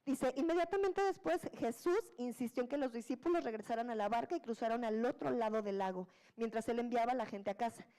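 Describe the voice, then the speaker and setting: A woman preaching a sermon, telling the story in a lively, colloquial and humorous way and acting out the voices of the disciples. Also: a little high, brisk, hardly any pauses.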